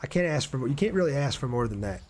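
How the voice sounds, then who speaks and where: Here a man with a medium-pitched, slightly mellow voice talks rapid-fire with lively intonation. He's an American from Ohio streaming a video game live, chatting casually and addressing his audience head-on.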